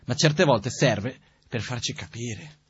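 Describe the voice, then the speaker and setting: A man giving a Buddhist teaching in a calm, conversational way, asking rhetorical questions as he goes. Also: medium pitch, slow, slightly rough. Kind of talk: spoken dharma teaching. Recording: dull, dry, lo-fi recording.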